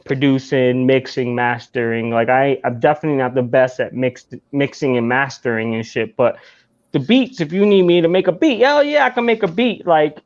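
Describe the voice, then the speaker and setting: A man's voice: medium pitch, normal speed, dull audio. A man hosting a podcast in casual chat, laid-back and swearing freely. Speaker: podcast host.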